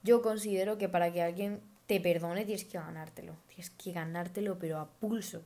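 A woman's voice: fairly low pitch, fairly even intonation, moderate pace, warm tone. A woman, hosting a reflective personal monologue in an earnest, thoughtful, advice-giving way. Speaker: podcast host.

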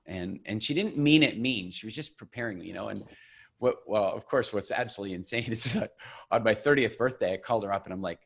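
A man in his forties telling his life story as an interview guest, animated and full of restarts, acting out quoted voices. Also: lowish voice, vocal fry. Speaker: guest, business founder.

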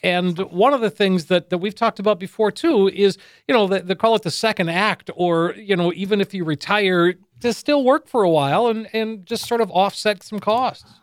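A man's voice: high voice, normal speed, no echo, studio quality. A man hosting a call-in radio show about retirement money, easygoing and agreeable, reading out the phone number.

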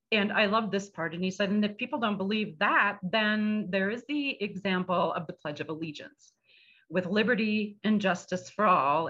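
A woman talking thoughtfully about a book chapter in a church discussion group, with many pauses and restarts. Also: medium pitch, fairly bright tone, muffled recording.

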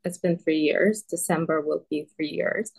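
This woman's voice sits low, gravelly and slightly rough with a darkish tone, at normal speed. Originally from Iran and a native Persian speaker, she's an artist guest answering interview questions hesitantly, often laughing and using plenty of "like" and "um".

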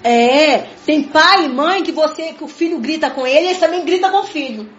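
High-voiced woman teaching faith in an echoey room. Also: animated, moderate pace, fairly bright tone. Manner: repetitive, keeps addressing listeners as "gente"; earnest and emphatic. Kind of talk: conversational religious talk. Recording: echoey room, dull sound, faint music.

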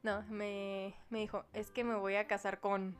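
A young woman with a Mexican Spanish accent, co-hosting a podcast and telling an animated, slangy story that acts out the dialogue. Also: mid-range voice, measured pace, smooth, soft background music. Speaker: podcast co-host. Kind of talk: casual chat, storytelling.

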